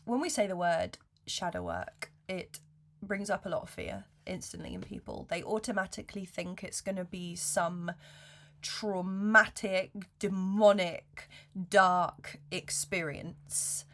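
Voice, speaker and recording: A woman hosting an intimate, reflective spiritual chat, hoarse from illness with a smoker's rasp and speaking gently with hesitant pauses. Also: fairly low pitch, lively intonation. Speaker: video host and spiritual mentor.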